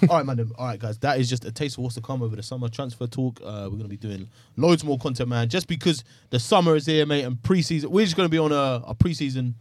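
A man's voice: mid-range voice, fast, few pauses, a little mellow, no room sound. A young man with a London accent hosting a podcast in a loose, jokey, slangy chat. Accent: London, urban slang. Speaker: podcast host. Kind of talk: casual chat and sign-off to viewers.

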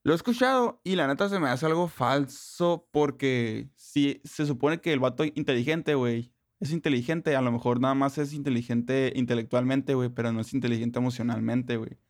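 A man's voice: medium pitch, brisk, hardly any pauses, no room sound, studio quality. A young man with a northern Mexican accent, chatting casually in profane street slang as an interview guest. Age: young adult.

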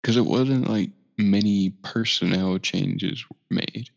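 A man's voice: on the low side, takes it slowly, creaky. A man co-hosting a casual sports podcast, laid-back, swearing and laughing as he talks. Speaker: podcast co-host. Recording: roomy echo, dull lo-fi sound.

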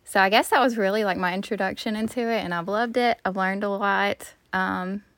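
A woman's voice: medium pitch, fairly even intonation, a little fast, a bit bright, no echo. Woman telling a story, dry close sound. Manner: storytelling, heavy use of "like". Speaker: podcast co-host. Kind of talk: casual chat.

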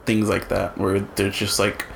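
Casting: young male podcast co-host, Californian accent, creaky voice, slangy halting casual talk. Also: on the low side, completely flat delivery. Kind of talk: casual chat. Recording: faint background noise.

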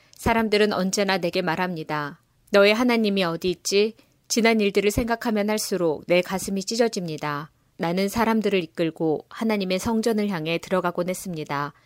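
A woman giving a measured, solemn scripture reading. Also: medium pitch, dry recording, studio quality. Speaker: scripture reader.

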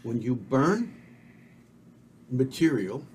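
A man's voice: medium pitch, sing-song, slow pace, a little mellow, a little hiss or hum. A middle-aged man co-hosting a podcast, chatting casually in a rambling, self-assured, opinionated way. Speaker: podcast co-host. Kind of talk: casual chat.

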